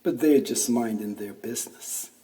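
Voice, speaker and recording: A man's voice: medium pitch, normal speed, warm tone. A man in his fifties reading his own first-person essay aloud, wry and full of street slang, heard from a distance in a reverberant room. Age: 50s. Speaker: podcast host and narrator.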